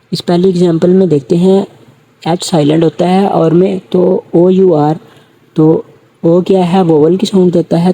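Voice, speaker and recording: A man's voice: on the high side, dark tone, poor audio. A man teaching an English grammar lecture, who asks his students questions and then answers them himself.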